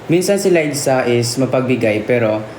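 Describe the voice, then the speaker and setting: A man's voice: medium pitch, moderate pace. A man nominating housemates, direct with some stumbling restarts. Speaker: reality show housemate. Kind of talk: nomination confessional. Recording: echoey room with steady noise.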